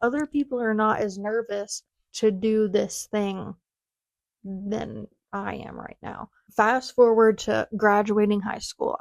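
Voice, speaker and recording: A woman's voice: mid-range voice, gravelly, no room sound. A woman in her twenties hosting a casual solo podcast, telling a rambling personal story with chatty tangents. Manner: chatty, rambling, self-deprecating with frequent tangents. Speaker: podcast host.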